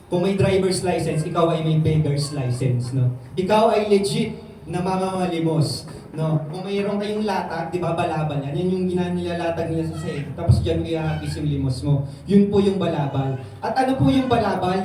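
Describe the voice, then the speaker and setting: Guy giving a sermon, mixes tagalog and english, high voice, sounds far off in a very echoey church. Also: normal speed, warm tone, slight background noise. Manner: reads a verse, then retells it in everyday Taglish; acts out voices in the story with a raised pitch. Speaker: preacher. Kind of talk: sermon reading and explaining scripture. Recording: very echoey room, voice from some distance.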